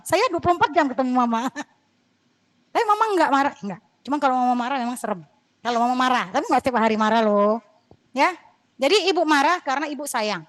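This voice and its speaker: A middle-aged woman lecturing university students in a chatty, digressive way, sometimes mildly scolding. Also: high voice. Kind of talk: classroom lecture.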